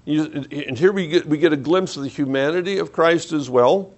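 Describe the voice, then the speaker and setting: A man with a somewhat high voice preaches a sermon. He reads scripture aloud and then reflects on it in his own words. His pace and loudness shift often, and he drops his voice low on the key points. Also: normal speed.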